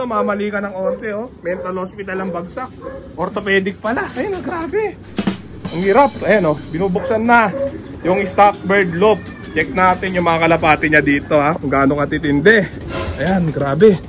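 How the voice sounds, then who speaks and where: Excitable man touring a pigeon loft. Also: high voice, normal speed. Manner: excited, joking, exclaims often. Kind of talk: casual walkthrough vlog. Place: outdoor pigeon loft with birds around.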